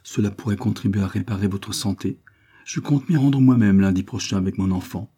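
Guy reading as caring young lady of the house, husky, raised a bit from his low voice. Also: fairly quick. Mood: solicitous. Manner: warm, insistent, solicitous. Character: kind young wealthy wife and mother.

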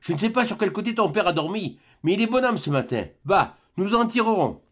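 A man voicing a timid, kindly older mother speaking in a hushed, anxious way. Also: high voice, animated, brisk, voice pushed up. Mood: nervous relief.

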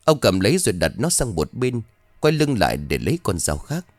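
A man with a low voice narrates a horror story, swinging his pitch widely to build dread. He sounds close and dry, with faint music underneath. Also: sing-song, a little fast, no room sound. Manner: dramatic, building tension.

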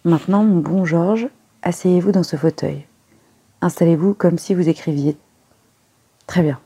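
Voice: medium pitch, fairly even intonation, unhurried, dark tone, slightly rough. A reader voicing a fussy, self-satisfied little male detective who coaxes and explains with precise, playful instructions. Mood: coaxing. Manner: precise, coaxing, fond of little jokes.

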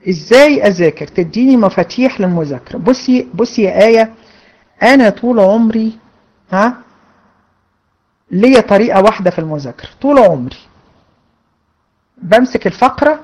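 A woman's voice: mid-range voice, animated, normal speed, pauses often, darkish tone, rough recording. A woman with an Egyptian Arabic accent, a religion teacher, reads out students' questions and answers them in a casual, conversational way. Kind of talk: casual Q&A lesson.

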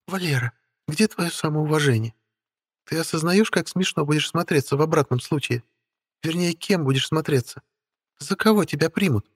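A man's voice: a little high, moderate pace, slightly rough, no echo, studio quality, voice pushed up. A man putting on a vain, bossy young witch. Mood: haughty. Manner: haughty, imperious and teasing. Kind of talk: audiobook character voice.

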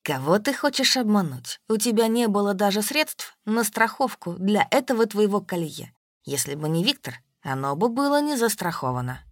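A woman's voice: medium pitch, very animated, moderate pace, no room sound, studio quality. A woman voicing a pompous, syrupy-voiced man in an audiobook. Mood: scornful. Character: pompous smooth-talking middle-aged man.

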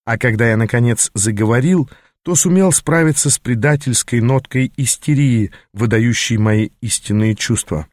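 A male audiobook narrator with a mid-pitched voice and a measured, even delivery. The recording is close and dry, with almost no room sound. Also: no room sound. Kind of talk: scripted narration.

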